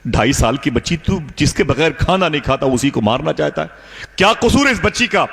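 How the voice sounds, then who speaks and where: A man's voice: fairly high pitch, lively intonation, creaky, a bit bright, voice pushed up. Man doing a desperate wife crying out, anguished and pleading, echoey hall.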